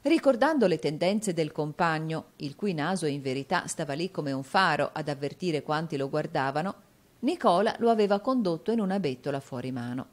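A woman reading a classic novel as an audiobook narrator, in a steady, measured storytelling manner. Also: deep voice. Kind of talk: scripted narration.

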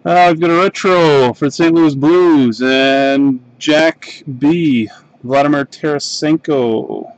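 A Canadian man with a fairly high voice does casual commentary for a live card break at his desk in a home card room. He mumbles card names unhurriedly while opening packs. There is no room sound, and the highs are cut off.

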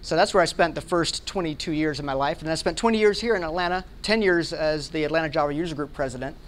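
His voice sits a bit high and moves at a quick pace as this American software product manager in his forties, from Hawaii and Alabama, leads an informal tech demo at a conference. Speaking to a group in an indoor meeting room, he keeps it conversational and regularly checks in with listeners.

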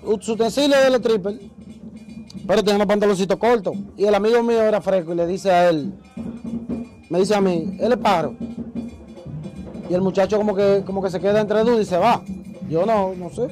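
A man, an interview guest telling a story in a casual, animated way and acting out the voices he quotes. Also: high voice, fairly quick, pauses often, over music, rough recording.

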